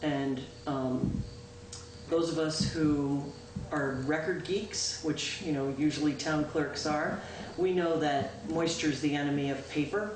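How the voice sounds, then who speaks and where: Speaking loudly to a town board, this female town clerk delivers a casual report at a public meeting, her low-pitched voice keeping a fairly even intonation. Frequent "um"s and self-corrections run through her chatty manner. The audio comes from a distant room microphone in the town meeting room, leaving it noisy, echoey and remote, typical of local-access footage.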